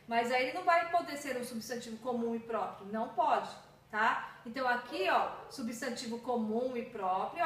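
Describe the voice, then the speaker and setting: A woman's voice: sits high, sharp tone, slight background noise. A woman with a Brazilian Portuguese accent teaching a recorded grammar lesson to children, explaining patiently and checking in with her students often. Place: room at home with traffic outside. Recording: very echoey room, far from the mic.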